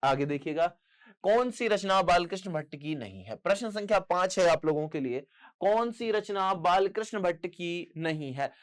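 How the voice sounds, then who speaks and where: A male teacher giving a lively online exam-prep lesson, talking straight to his students and calling them "beta". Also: sits high, moderate pace. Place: studio recording for online class.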